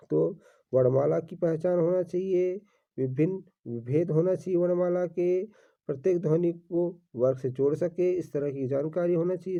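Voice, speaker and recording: Dark-voiced man drilling exam answers. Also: on the high side. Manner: reads questions then repeats answers, addresses viewers as friends. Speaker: teacher. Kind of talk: exam-prep quiz walkthrough. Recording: dull lo-fi recording.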